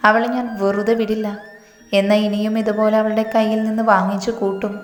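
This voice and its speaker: A woman's voice: medium pitch, level tone, brisk, natural voice. A woman voicing a protective young man who comforts a girl and scolds his brother, in a level storybook voice. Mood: angry. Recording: echoey room with soft music.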